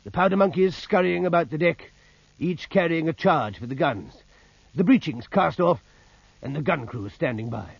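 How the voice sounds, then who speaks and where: An actor playing a naval officer who narrates his sea battle in a grave, measured, literary manner. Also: on the high side, animated, gravelly, breathy edge, dry recording, exaggerated voice. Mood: tense, measured. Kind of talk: dramatic scripted first-person narration. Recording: dull sound with music behind.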